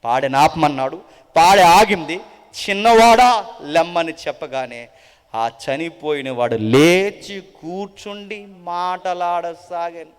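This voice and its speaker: A man preaching a dramatic gospel sermon with a Telugu-speaking South Indian accent, swinging between loud proclaiming and hushed, mournful tones and asking the crowd repeated rhetorical questions. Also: on the high side, animated, takes it slowly, clear, resonant tone. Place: large gospel meeting hall. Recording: long hall reverb.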